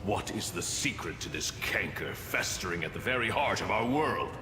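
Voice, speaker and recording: Game role: devout brooding crusader, low and solemn, echoing hall with noisy ambience. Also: male voice, animated, normal speed. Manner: solemn, formal oratory. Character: grave, devout male crusader, brooding and earnest. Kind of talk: dramatic fantasy game acting.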